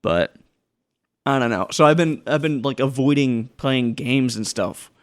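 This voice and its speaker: A man's voice: medium pitch, expressive, unhurried. A young man co-hosting a casual lunch-break podcast, talking in a rambling way with many restarts. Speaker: podcast co-host. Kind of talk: casual chat.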